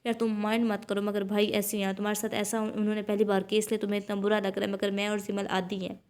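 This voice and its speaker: A cheerful, caring younger sister who fusses gently over a friend, read by a woman narrator. Her pitch moves very little. It is a storybook reading. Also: flat delivery, fast, lightly acted. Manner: gentle, fussing.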